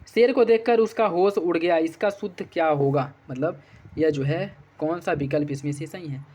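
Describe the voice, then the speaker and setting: A man, teaching exam grammar answers and repeating each answer with quick "okay?" checks. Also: fairly high pitch, a little mellow. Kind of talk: explaining test answers.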